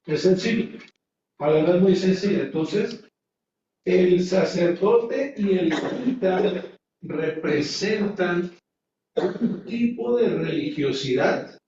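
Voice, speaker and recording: A man's voice: sits high, lively intonation, takes it slowly, pauses often, warm tone, a little hiss or hum. Man teaching a Bible class in an echoey room. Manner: emphatic, asks the listeners rhetorical questions. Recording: echoey, dull sound from a distant mic.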